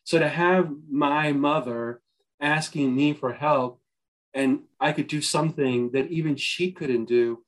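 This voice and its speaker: A middle-aged American man speaks as an interview guest, earnest and reflective, in a voice of middling pitch. He works his thoughts out aloud, restarting phrases and tagging them with a questioning "right?". The delivery is sincere and unhurried. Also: low-quality recording. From United States. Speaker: journalist guest.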